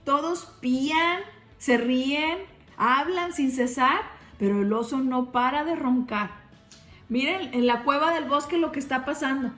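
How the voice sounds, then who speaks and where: A woman reading a picture book aloud to children, gently pointing them to the pictures. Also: sits high, unhurried. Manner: gentle, addresses kids, shows pictures. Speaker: storybook reader. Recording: roomy with faint music.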